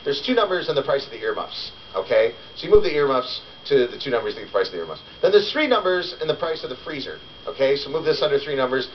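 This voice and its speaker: A man's voice: mid-range voice, very animated, quick pace, few pauses, slight background noise. A man hosting a television game show in a studio, joking with contestants and explaining the rules step by step. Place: television studio with live audience. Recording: muffled TV broadcast with music and crowd. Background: studio audience and show music.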